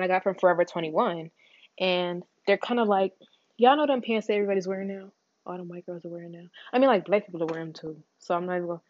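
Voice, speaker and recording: A woman's voice: lowish voice, a little mellow, no room sound. Rambling chatty teenage girl, muffled. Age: teens. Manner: rambling, fast, words run together, slangy, says y'all a lot. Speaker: podcast host. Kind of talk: casual solo chat.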